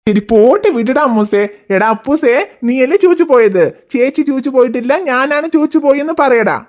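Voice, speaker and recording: Cartoon dad, lively and reassuring, mock-scolding, voiced by a woman, dull lo-fi sound. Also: sits high, brisk. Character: cartoon father, gentle and scolding. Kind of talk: cartoon voice acting.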